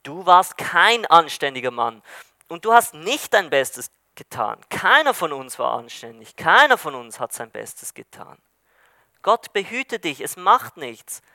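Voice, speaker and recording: A man reading a gentle heavenly spirit. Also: on the high side, unhurried, no room sound, studio quality, full character voice. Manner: calm, gently reproving.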